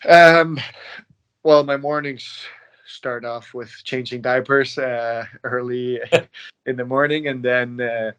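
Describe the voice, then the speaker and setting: Slow and steady, this man's medium-pitched voice comes across clear and resonant despite a rough recording. He's a late-twenties pro ice hockey player from Denmark, fielding interview questions in a relaxed, quiet, easygoing manner.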